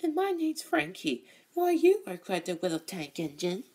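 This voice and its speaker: A man's voice: extremely high pitch, big pitch swings, normal speed, vocal fry, darkish tone, husky, pitched above the performer's own voice, heavily acted. A man voicing a friendly female cartoon train engine in a sweet, sing-song manner. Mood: sweet, greeting.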